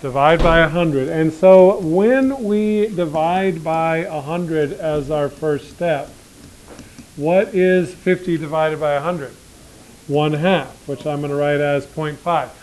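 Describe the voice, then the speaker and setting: A man's voice: on the high side, slow, slight background noise, low-quality recording. A man teaching a math class, talking casually, joking and asking students questions as he works through problems. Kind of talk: classroom lecture.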